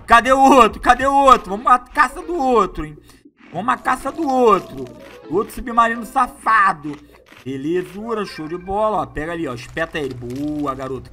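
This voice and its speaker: A man doing excitable, slangy live gameplay commentary as a gaming YouTuber, hyping up his viewers. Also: sits high, moderate pace, faint music behind.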